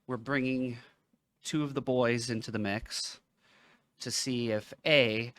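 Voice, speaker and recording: Man, podcast co-host, casual chat, playful and jokey, gets loud at times. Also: medium pitch, fairly even intonation, takes it slowly, dry recording, studio quality. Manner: joking, playful, loud bursts.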